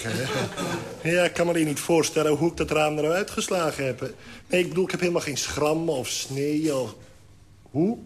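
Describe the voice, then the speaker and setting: A man playing a hungover, forgetful caller in a comic phone monologue, groggy and chuckling sheepishly. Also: fairly high pitch. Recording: loud crackle and clicks, old record.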